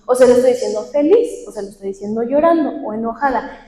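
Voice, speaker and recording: Young female workshop speaker, chatty teaching style with questions to the room, high mellow voice. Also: lively intonation, fast. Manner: conversational teaching with questions to the audience. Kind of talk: talk to a live group. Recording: echoey hall with long reverb.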